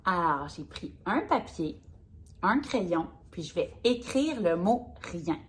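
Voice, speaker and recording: A female speech therapist, reading a picture book aloud to a young child, slowly sounding out words. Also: on the low side, very animated, slight background noise. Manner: slow, exaggerated, sounding out words.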